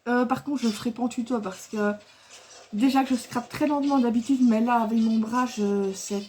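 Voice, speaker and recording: A woman chats casually to camera about her craft supplies in a slightly high voice. She rambles and loses her thread, fills gaps with hesitations and laughs often. A faint hiss sits behind her voice. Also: steady tone, normal speed, a little mellow. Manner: rambling and chatty, with many fillers and restarts; laughs often while talking. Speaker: scrapbooking vlogger showing a craft haul.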